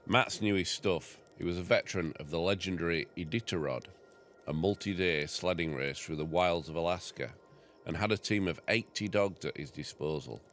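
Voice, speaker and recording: A man's voice: low-pitched, normal speed, fairly bright tone, soft background music. A farmer reading his family's memoir aloud in a wry storytelling manner.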